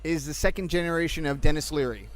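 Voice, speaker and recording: High-voiced man retelling comedy bits. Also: fast. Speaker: podcast co-host. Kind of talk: casual bar chat.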